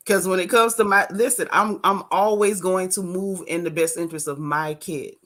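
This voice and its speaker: Casual lady running a gossip chat, sharp bright voice, plenty of sass. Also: on the low side, measured pace. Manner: sassy, playful, loud joking. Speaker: podcast host.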